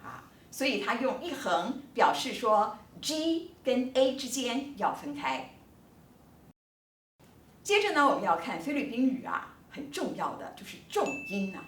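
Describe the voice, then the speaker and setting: Animated woman lecturer, high and bright, recorded far off in an echoey room. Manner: animated, emphatic explaining with drawn-out words. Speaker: linguistics professor.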